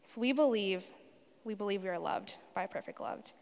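A woman's voice: mid-range voice, a little fast, vocal fry. A woman giving a sincere, reflective personal testimony at a church service. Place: church sanctuary. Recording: long hall reverb in a sanctuary.

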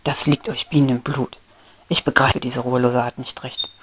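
A woman's voice: extremely low pitch, level tone, moderate pace, noisy background, voice pushed down. A woman voicing a prim, grumpy but polite male rose beetle in a whispered storybook role-play, formal in tone. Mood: courteous. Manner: formal, indignant scolding.

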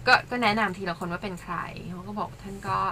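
A woman guest in casual chat, telling a story with animated delivery and acting out the quotes. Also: medium pitch, fast talker, slight background noise.

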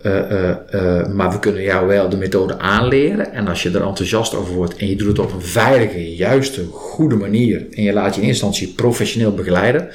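A man's voice: deep voice, brisk, few pauses. A man being interviewed as a trainer, explaining his method in conversational talk with acted-out example questions. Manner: acts out example questions and client remarks while explaining. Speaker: trainer in a body-based stress release method, interviewed. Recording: roomy echo, clear background noise.

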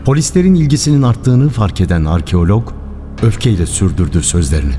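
Deep, mellow male radio narrator. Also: big pitch swings, faint music behind. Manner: measured storytelling. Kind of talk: scripted radio drama narration. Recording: long hall reverb.

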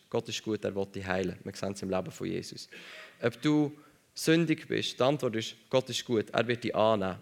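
A man's voice: medium pitch, creaky. A man preaching a sermon emphatically, repeating phrases for stress.

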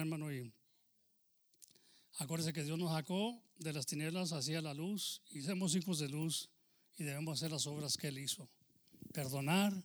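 Older man, church testimony, earnest exhorting preacher energy, slightly high voice, dry close sound. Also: no room sound. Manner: earnest, exhorting, bursts of loud emphasis; addresses listeners as brothers. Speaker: church member giving testimony. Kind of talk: testimony sermon.

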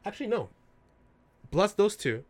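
A man's voice: high voice, very animated, moderate pace. A man playing in a tabletop game, joking and hesitant, with many fillers. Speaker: player. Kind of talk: casual tabletop play.

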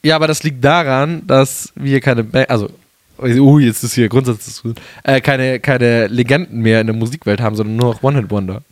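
A man's voice: mid-range voice, fairly even intonation, normal speed, no echo. A man hosting a casual chat, talkative and laughing often, trailing off and restarting mid-sentence.

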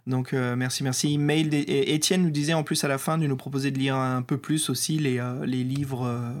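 A man with a French accent co-hosting a podcast in a relaxed, chatty way, often hesitating with fillers. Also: medium pitch, fairly quick. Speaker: podcast co-host. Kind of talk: casual chat.

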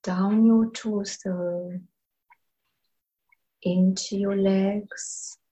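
A woman leading a guided meditation in a soft, soothing, breathy manner, leaving long pauses between phrases. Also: medium pitch, low-quality recording. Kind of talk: slow guided meditation narration.

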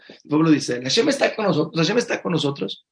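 A rabbi teaching Torah in a sermon, mixing Hebrew phrases into his Spanish, emphatic and shifting from soft, intimate asides to loud exclamations. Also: on the high side, animated, fast, vocal fry, slight background noise.

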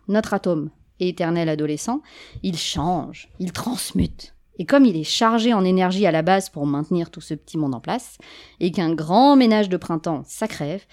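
A woman's voice: medium pitch, warm tone. A woman presenting a humorous popular science talk, with playful jokey asides to the audience.

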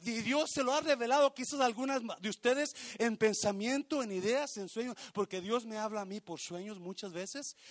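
A man's voice: high voice, dry recording, studio quality. A man preaching a sermon as pastor, impassioned and repeating himself, checking whether the congregation hears him and slipping in English phrases. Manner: impassioned, repeats lines, asks the church if they hear him, mixes in English phrases.

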